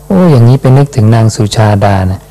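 Reading from scripture and then explaining it, this monk gives a dhamma talk at an unhurried pace, closing phrases with a gentle questioning particle. His voice is medium-pitched, animated, and creaky.

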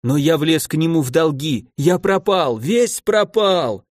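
A man's voice: a little high, lively intonation, unhurried, dry recording, studio quality. A man voicing a frantic, hysterical fat merchant who wails and pleads. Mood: pleading wail. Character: frantic fat wealthy male caravan merchant.

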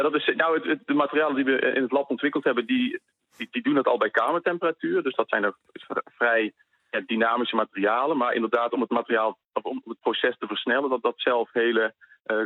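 A man's voice: mid-range voice, dry recording. A man interviewed over the phone as a university researcher, explaining in a hesitant way with many fillers. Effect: phone line. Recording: tinny phone line, dry.

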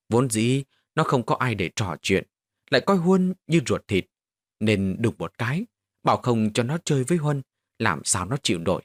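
A man narrating a dramatic story in an expressive, emotional reading. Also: on the low side, dry recording, studio quality. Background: soft music.

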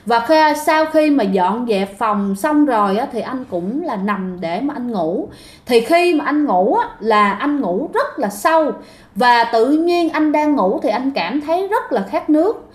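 A woman's voice: on the high side, animated, measured pace. A woman narrating a ghost story in a chatty way, often speaking directly to her listeners. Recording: echoey room.

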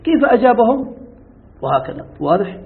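Guy giving a religious lesson, kinda high voice, keeps checking "clear?", sounds like a phone line. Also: sing-song, a little fast. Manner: keeps asking students if it's clear; poses rhetorical questions. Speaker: sheikh teaching Quran commentary. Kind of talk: classroom commentary lesson. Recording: tinny phone-like audio.

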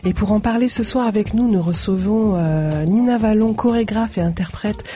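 A woman's voice: mid-range voice, moderate pace, mellow, soft background music. A woman hosting a radio interview in a studio, opening with a poised, scripted introduction and then asking her guest questions. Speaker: radio host.

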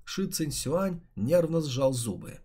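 Male audiobook narrator, husky and mellow, slightly higher voice, steady delivery. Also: slow. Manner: steady, even storytelling with occasional restarts. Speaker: audiobook reader. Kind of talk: scripted narration.

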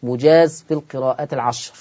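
Egyptian male TV teacher, mid-pitch, question-and-answer delivery, dull broadcast audio. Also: fairly even intonation, fast, dark tone. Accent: Egyptian Arabic. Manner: asks the audience questions and answers them himself. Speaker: Quran recitation teacher and host. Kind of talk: televised recitation lesson.

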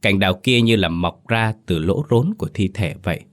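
A man narrates a horror story in a steady, grave voice. His pitch sits very low and deep. The telling is measured and serious.

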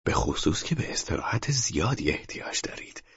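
A man's voice: a bass voice, very animated, creaky, husky, no echo, muffled recording, heavily acted. A man voicing a cruelly sarcastic male neighbor who mocks a helpless captive in an audiobook. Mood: mocking. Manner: sneering and mock-soothing, slow in parts.

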